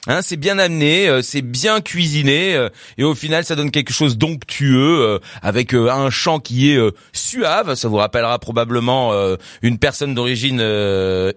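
Chatty male radio host, lively pitch. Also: dry recording, clean studio sound. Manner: chatty, rambling, with fillers and laughs. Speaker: radio music show host. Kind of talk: casual radio presenting.

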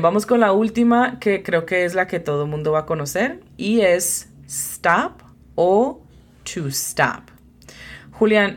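A woman hosting a beginner English lesson, patiently explaining vocabulary, spelling words out and encouraging her student. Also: on the low side. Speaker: language teacher and host. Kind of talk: bilingual English lesson podcast.

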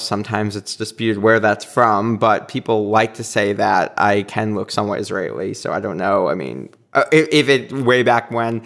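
A man with a Boston accent, talking as a guest in a casual, reflective interview and pausing often to search for words. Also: fairly low pitch, creaky, a bit bright. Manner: thoughtful, pauses often with filler words. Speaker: podcast guest.

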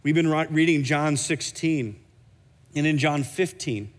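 A man preaching a sermon as pastor, animated, often stumbling and repeating words as he restarts a thought. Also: a little high, unhurried, in a large hall.

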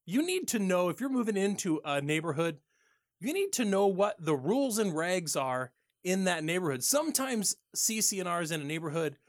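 A man's voice: high voice, sing-song, moderate pace. A man co-hosting a home improvement radio show in a studio, chatting casually and laughing easily.

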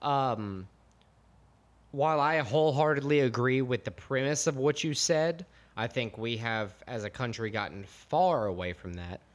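An American man co-hosts a podcast, chatting casually and cracking enthusiastic, rambling jokes. His voice is mid-range and his pace unhurried.

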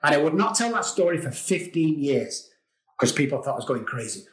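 A middle-aged man, a podcast guest, telling a story in an excitable way, swearing casually. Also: on the high side, fairly quick. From England. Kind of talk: animated storytelling. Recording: roomy echo.

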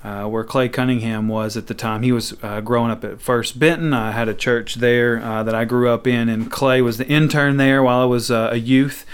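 A man's voice: medium pitch, steady tone, moderate pace, few pauses, clean tone. A man tells his story casually and informally, as a pastor and podcast guest. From Arkansas.

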